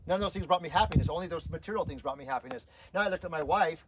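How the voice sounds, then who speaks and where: A man's voice: fairly high pitch, very fast, background noise. A middle-aged man telling his life story to an audience, earnest and emotional, often restarting and repeating words. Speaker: speaker sharing his testimony. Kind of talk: personal testimony talk to an audience.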